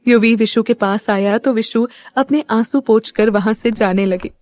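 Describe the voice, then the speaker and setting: A woman narrating an audio story in a measured, scripted storytelling voice. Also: fairly high pitch, darkish tone, no echo.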